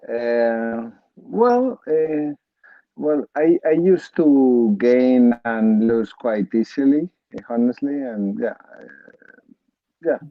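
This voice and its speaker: A man's voice: mid-range voice, expressive, dry recording, phone-quality sound. A man calling in from his parents' house, speaking hesitantly while his video call audio keeps breaking up. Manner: hesitant, halting. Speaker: livestream guest.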